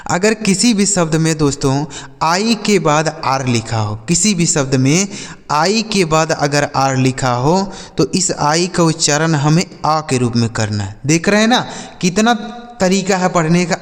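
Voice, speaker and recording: Man, teacher, spoken lesson, slightly high voice, spells words letter by letter, asks and answers own questions, reverberant room. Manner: asks the audience questions and answers them himself; keeps addressing viewers as friends. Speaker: English teacher. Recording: long reverb.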